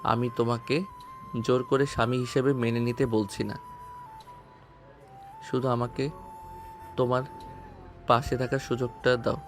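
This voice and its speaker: An actor with a Bengali accent playing a devoted young husband who speaks softly and earnestly in an audio story. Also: male voice, medium pitch, flat delivery, a little slow, long pauses, soft background music, lightly acted. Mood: pleading. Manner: soft, earnest and tender.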